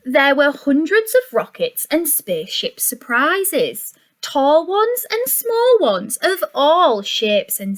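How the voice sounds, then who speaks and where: A teacher with a slow, high voice reads a picture book to young children. She is expressive and deliberate, almost sing-song, gasping and asking the kids questions. It's an animated story reading broken up by chatty asides.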